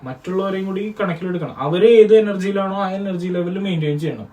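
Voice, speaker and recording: A young Malayali man as co-host in a casual question-and-answer chat, explaining his views in a calm, lecturing way. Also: high-pitched, fast talker, roomy sound. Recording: distant mic with faint noise.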